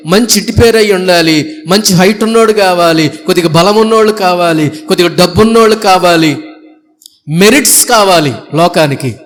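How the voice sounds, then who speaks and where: A male pastor preaching an Easter sermon to a congregation, emphatic, firing rhetorical questions and repeated lists. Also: high-pitched. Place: church before a congregation.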